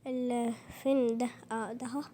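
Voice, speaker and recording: A woman with an Egyptian Arabic accent, narrating a game role-play in a playful, animated way and voicing its characters in formal Arabic. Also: a little high, normal speed, a little hiss or hum. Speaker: channel host.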